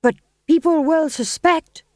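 Storybook voice: a woman playing a nervous, wavering husband, raised and a little higher in pitch. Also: measured pace, darkish tone, no echo, clean studio sound. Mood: fearful. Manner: hesitant, fearful. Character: timid, hesitant husband.

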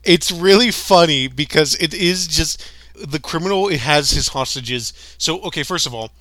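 A man co-hosting a podcast, riffing on a movie in casual chat, animated and jokey. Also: a little high, moderate pace, dry recording. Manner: animated, jokey, riffs and laughs along. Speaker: podcast co-host.

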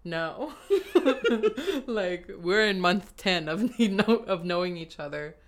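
A woman's voice: fairly low pitch, unhurried. A young woman with an American accent co-hosting a podcast in casual, slangy, informal chat. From San Francisco Bay Area, USA. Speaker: podcast co-host.

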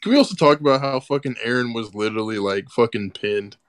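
A man co-hosting a casual chat, relaxed and swearing loosely while asking his friends questions. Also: medium pitch, fast talker. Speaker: podcast co-host. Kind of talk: casual anime discussion.

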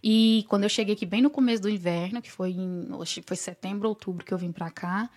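A woman's voice: mid-range voice, quick pace. A woman in her forties from Brazil, a former fire brigade officer, talking in a casual podcast chat and acting out the things people said to her. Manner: animated storytelling, acting out quoted lines.

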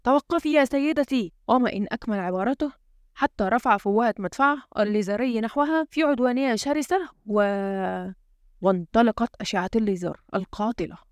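A woman reading a thriller novel aloud in a dramatic, expressive storytelling style. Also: medium pitch, a little fast, no echo, clean studio sound. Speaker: audiobook reader.

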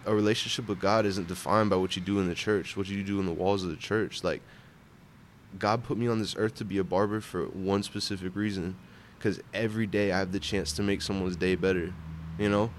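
A man's voice: sits low, fairly even intonation, brisk. A young man talking casually and earnestly about faith, with slangy, bro-heavy phrasing. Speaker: barber sharing his faith. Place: outdoors at a park bench. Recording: outdoor urban vehicle noise.

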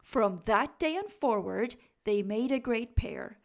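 A woman reading a rhyming children's picture book aloud in a slow, expressive, lilting way. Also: a little high. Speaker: storybook reader.

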